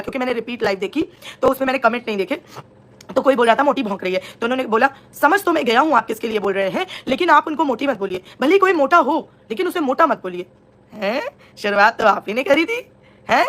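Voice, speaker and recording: A woman's voice: high voice, fairly bright tone. A woman vlogger doing gossip commentary on a livestream, scolding and sarcastically taunting a rival directly. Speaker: live-stream vlogger. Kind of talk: live-stream gossip commentary.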